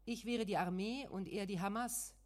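A woman narrating a first-person memoir audiobook in a measured, reflective way. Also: medium pitch.

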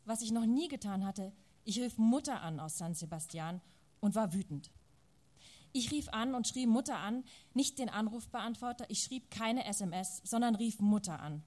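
Woman giving a dramatic reading. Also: medium pitch. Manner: dramatic reading that swells to loud, shouted passages. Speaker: reader at a public literary reading. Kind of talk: reading a novel excerpt aloud.

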